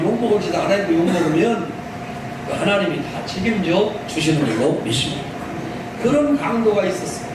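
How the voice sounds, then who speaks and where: A man preaching a lively sermon, leading the congregation in call-and-response and shouting for emphasis. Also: sits high. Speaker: pastor. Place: large church hall. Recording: echoey hall, mic from a distance, noisy.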